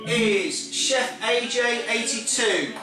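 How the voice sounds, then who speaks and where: A man in his forties hosts a prize draw, calling out numbers and names in a bright, high-pitched voice. He is recorded from far across a small office by the camera. The room is very echoey, and pop music plays clearly behind him. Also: expressive, takes it slowly. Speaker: website host running a prize draw. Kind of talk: casual announcing. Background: pop music playing.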